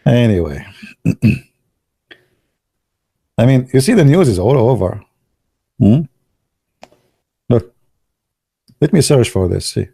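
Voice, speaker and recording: A man chats playfully to his viewers, teasing and joking with loose, non-native English phrasing. His voice is mellow and mid-pitched, recorded close and dry. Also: animated, slow, creaky, long pauses, breathy edge, dry recording. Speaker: video commentator. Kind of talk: joking commentary.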